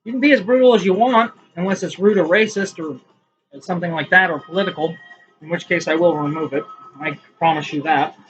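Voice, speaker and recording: Man, poet reading his own work, casual vlog, self-mocking asides, slightly high voice, dull lo-fi audio. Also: brisk, fairly bright tone, faint music behind. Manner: rambling, self-mocking asides between poems.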